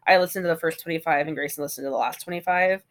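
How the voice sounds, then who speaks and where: A sick woman with a hoarse smoker's rasp, chatting casually and self-deprecatingly as a podcast co-host. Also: sits low, racing. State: sick with a cough. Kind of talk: casual chat.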